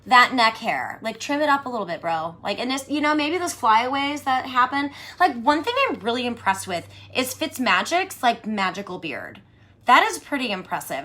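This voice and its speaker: A woman's voice: a little high, pushed and bright. A woman in her thirties hosting a casual livestream, chatty and giggly, answering viewer questions and saying "like" a lot. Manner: chatty, giggly, says "like" often.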